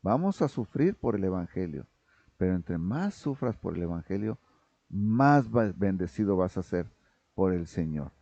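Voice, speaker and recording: A man's voice: sits low, animated, unhurried, creaky, dark tone, no echo. A man preaching a sermon as pastor, speaking emphatically and often checking in with his listeners. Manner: raises his voice when reading scripture aloud. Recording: dull lo-fi recording, dry.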